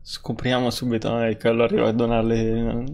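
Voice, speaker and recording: A man's voice: mid-range voice, completely flat delivery, quick pace, vocal fry, noisy background. A man streaming a game, chatting casually, laughing often and swearing when surprised. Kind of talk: casual gaming stream chat.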